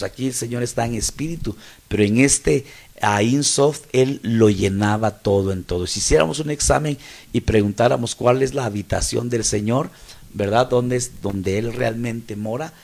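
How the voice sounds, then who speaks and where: A man's voice: medium pitch, vocal fry, darkish tone. A man with a Mexican Spanish accent, a pastor teaching a Bible study, explaining terms and checking that listeners follow.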